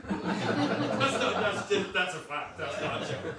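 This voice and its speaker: A man's voice: high voice, sing-song, slow pace. A man performing a live stand-up set in a comedy club, sardonic and self-mocking, laughing between his lines. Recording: echoey club, distant mic, crowd noise. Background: audience laughter.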